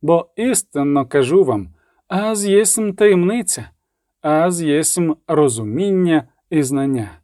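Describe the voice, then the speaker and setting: Male reader doing a proud goddess-priestess, slow solemn chant, raised pitch, dry close sound. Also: animated, dark tone, dry recording. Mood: solemn exalted.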